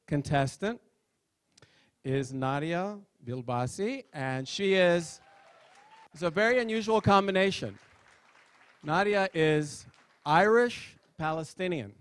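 A man emceeing a comedy contest in a hall, introducing acts with dry, teasing asides. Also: a little high. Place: conference hall on stage.

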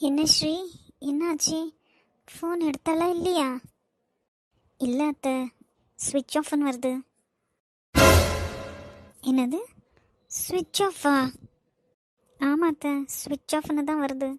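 A woman's voice: sits high, fairly even intonation, darkish tone, dry recording. A woman voicing the anxious women of a family in a cartoon, speaking with a Kanyakumari Tamil accent. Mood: worried. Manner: fretful, quick family bickering. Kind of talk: cartoon voice acting.

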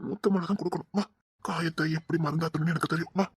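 A woman's voice: low-pitched, fairly even intonation, racing, slightly rough, no echo. A woman voicing a possessive, lovesick young husband who pleads, coaxes and threatens in an amateur audio drama. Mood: pleading. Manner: pleading, insistent, swings between coaxing and threats.

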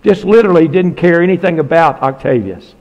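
A man's voice: on the high side, lively intonation, fairly quick, a little mellow, in a large hall, muffled recording. A man preaching a sermon in a church as pastor, emphatic and folksy, repeating key phrases and dropping asides to his congregation. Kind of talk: sermon with prayer. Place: church sanctuary.

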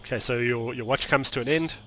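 Halting game master narrating a tabletop game. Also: male voice, mid-range voice, fairly bright tone, soft background music. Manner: halting, restarts phrases, laughs often.

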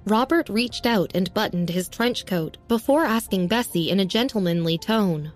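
A woman narrating a serialized audio story in a steady, even reading. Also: medium pitch, moderate pace, faint music behind.

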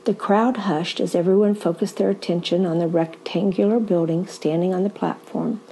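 An older woman evangelist teaching in a slow, deliberate podcast sermon, with occasional fillers. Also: on the low side, fairly even intonation, mellow, slight background noise, poor audio.

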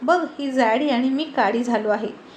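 A woman's voice: on the high side, a little slow, a little hiss or hum, natural voice. A woman voicing a teasing, protective young man who also turns possessive. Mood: teasing, caring. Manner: playful teasing, turning possessive and stern.

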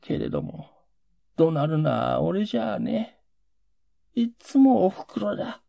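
A man voicing a rough, emotional working-class Edo man who pleads in coarse old Edo street speech. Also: high-pitched, very animated, unhurried, mellow, no echo, clean studio sound, pitched above the performer's own voice, full character voice. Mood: anguished.

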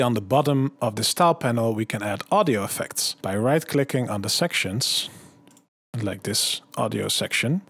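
A man with a somewhat low, husky voice narrates a software tutorial. He walks through each click and setting in a steady, step-by-step way. The recording is close and dry, with no room sound. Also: dry recording. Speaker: tutorial host.

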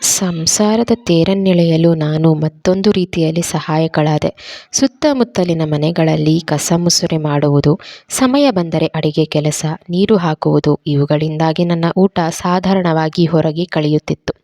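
Low-voiced woman reading a story. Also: dry recording, studio quality. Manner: steady, measured reading.

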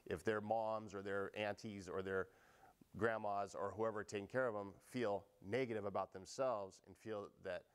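Man with a smooth, clear voice. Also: on the low side, steady tone, normal speed. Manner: long flowing explanatory sentences. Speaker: documentary interviewee. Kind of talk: earnest interview answer.

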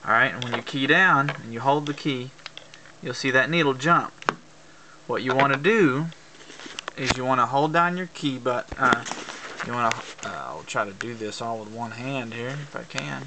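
A man with a mid-range voice and moderate pace gives an informal, hands-on tutorial, plainly explaining CB radio use step by step as an amateur instructor. The amateur camera recording has faint background noise and clicks.

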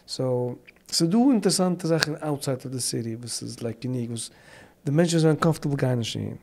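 A man's voice: mid-range voice, animated, brisk, gravelly, darkish tone. A man hosting a casual interview, asking loose questions and mixing English words into his talk. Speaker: host and interviewer.

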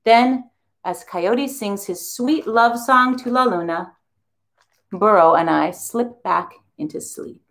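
A woman who teaches a children's music class, reading a storybook aloud in an expressive, animated way. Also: medium pitch, slow pace.

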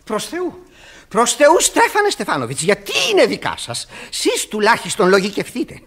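A jittery young landowner in a vintage radio play, stammering and flustered and clutching at his racing heart. His voice sits high and bright and swings wildly up and down. He is a touchy hypochondriac who keeps tripping over his own words. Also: huge pitch swings, heavily acted. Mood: indignant. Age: young adult. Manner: stammering, breathless, easily flustered. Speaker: suitor neighbour in a radio play. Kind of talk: 1960s Greek radio theatre acting.

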